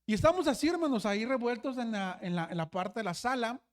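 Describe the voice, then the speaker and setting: A pastor with a very high, animated voice talks fast as he preaches a sermon built around a story. He restarts often, keeps making asides to his listeners, and frequently says "hermanos."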